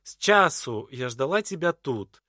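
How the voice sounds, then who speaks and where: A man reading an audiobook, voicing a passionate young woman who pleads urgently and nearly shouts. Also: on the high side, expressive, a little slow, no room sound, studio quality, full character voice. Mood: longing. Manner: emotional, urgent, near-shouting. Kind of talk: audiobook character voice.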